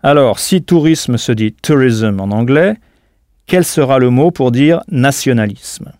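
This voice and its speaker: Patient man teaching, mellow dry voice. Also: medium pitch, expressive, no room sound. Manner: patient, deliberate, spells words out letter by letter. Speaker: language teacher. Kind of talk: recorded audio language lesson.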